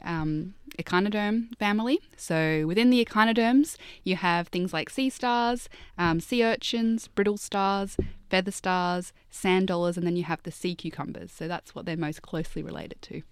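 Smooth-voiced, enthusiastic young woman explaining casually. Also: mid-range voice, dry recording, clean studio sound. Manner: informal, enthusiastic. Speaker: guest researcher, PhD candidate. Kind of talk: casual interview chat, explaining.

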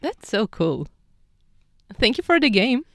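Bright, curious woman science host, lively intonation. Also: fairly high pitch, unhurried, no echo, studio quality. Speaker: science show host in training. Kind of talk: radio interview, presenting.

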